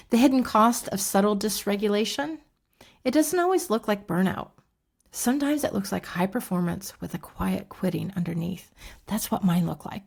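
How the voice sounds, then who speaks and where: A woman in her fifties, a somatic coach, walking through her program in a relaxed, casual way with frequent fillers and soft asides. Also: mid-range voice, creaky. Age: 50s.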